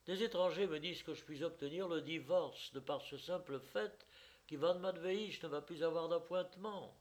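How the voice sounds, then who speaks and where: A man voicing a flighty, pretty young woman who is capricious and quick to take offence, in a read-aloud story. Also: on the high side, voice pushed up, lightly acted. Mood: petulant. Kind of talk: audiobook character voice.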